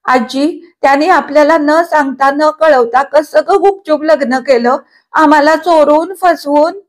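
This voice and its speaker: A woman voicing a lively, stubborn young girl who pleads and turns tearful, in a read-aloud novel. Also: sits high, a little slow, pitched above the performer's own voice.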